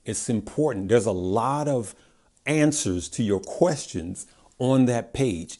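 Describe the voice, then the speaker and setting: Low-voiced American man, slightly garbled after dental surgery. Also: dark tone. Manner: emphatic, repeats phrases, addresses viewers familiarly. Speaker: investing video host. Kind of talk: casual direct-to-audience vlog talk.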